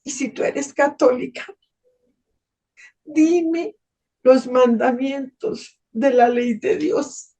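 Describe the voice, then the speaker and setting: A serene, heavenly voice that calmly questions a soul, as a woman quotes it. The tone sits a little high and carries a faint husky edge. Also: slow pace, long pauses, exaggerated voice. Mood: calm questioning.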